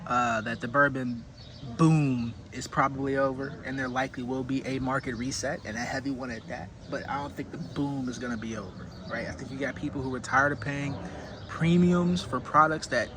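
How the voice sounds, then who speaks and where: Male host, mid-pitched voice, informal opinionated commentary, thinking aloud, clearly noisy recording. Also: fairly even intonation, fairly quick. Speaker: whiskey review host. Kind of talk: casual solo commentary.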